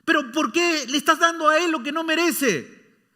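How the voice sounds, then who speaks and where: A man's voice: very high-pitched, lively intonation, slow, pushed and bright, long reverb tail, pitched above the performer's own voice, heavily acted. A man preaching plays a resentful older brother who complains that he deserves more, asking indignant questions. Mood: indignant, complaining.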